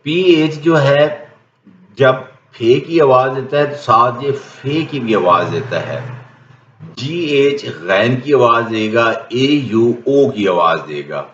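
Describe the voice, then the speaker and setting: A man's voice: mid-range voice, animated, fairly bright tone, a little hiss or hum. A man, a native Urdu speaker, explaining an English lesson plainly and methodically, one step after another. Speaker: English teacher. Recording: echoey room, dull lo-fi sound.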